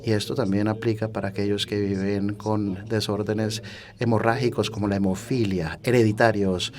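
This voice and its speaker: Low-voiced man interpreting. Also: level tone, a little mellow. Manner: measured, halting phrases with self-corrections. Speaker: simultaneous interpreter. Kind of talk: interpreting a conference talk.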